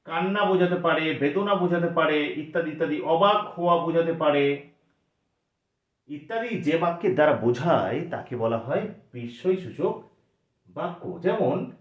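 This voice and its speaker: A man's voice: on the high side, expressive, normal speed. A man teaching a grammar lesson for exam preparation, explaining step by step and asking his students questions that he then answers himself. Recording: echoey, dull lo-fi recording.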